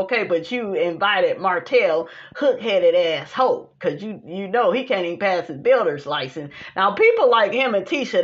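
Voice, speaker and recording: An American woman hosts a gossip podcast, reading posts aloud and commenting in a sassy, slangy, casual way with animated asides. Her medium-pitched voice comes through muffled, lo-fi audio.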